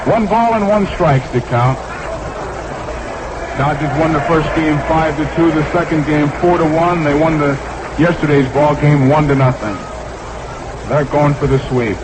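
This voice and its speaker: Over a noisy vintage radio, a man with a slightly high voice calls a 1960s baseball game from the ballpark broadcast booth. He speaks a little slowly in short, clipped phrases and keeps repeating the count.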